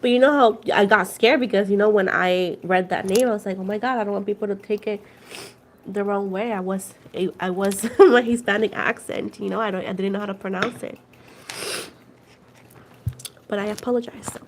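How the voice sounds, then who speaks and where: Here the Puerto Rican host of a casual tarot livestream speaks in a mid-range voice with a steady tone and a slightly fast pace. She reads viewer comments aloud, chatting in both Spanish and English with her Puerto Rican accent. A little hiss or hum can be heard.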